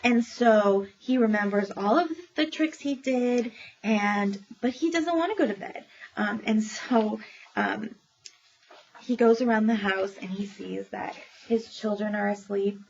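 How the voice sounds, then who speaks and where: A woman librarian chats through children's book picks in a casual, informal way, full of fillers. Her voice has a gravelly edge. The recording is dull and lo-fi, with faint noise behind it. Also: mid-range voice, measured pace, a little mellow. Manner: chatty, informal, laughs often, many fillers. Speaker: public librarian.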